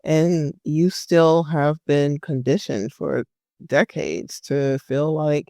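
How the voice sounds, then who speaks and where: A man with a high, smooth, resonant voice, recorded close and dry. He drops playful quips into a casual podcast chat. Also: slow pace, a little mellow, no echo. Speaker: podcast co-host. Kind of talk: casual discussion.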